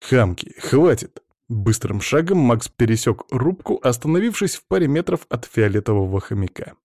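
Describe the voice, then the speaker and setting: A man reading a science-fiction audiobook in a lively, expressive way. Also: medium pitch, moderate pace, no room sound, studio quality. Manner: lively, voices many characters. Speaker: audiobook narrator.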